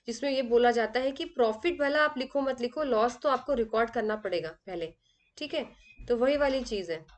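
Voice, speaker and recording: A woman teaching an exam revision lesson. She reads English questions slowly, then explains them in Hindi with everyday examples. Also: high-pitched. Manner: explains with everyday examples, calls students "beta".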